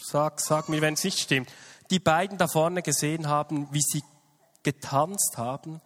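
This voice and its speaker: A pastor speaks to his congregation in a high, light voice. He talks in a relaxed, chatty way, full of small fillers. His voice carries a long reverb from the church hall. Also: unhurried, a little hiss or hum. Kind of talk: sermon welcome to congregation.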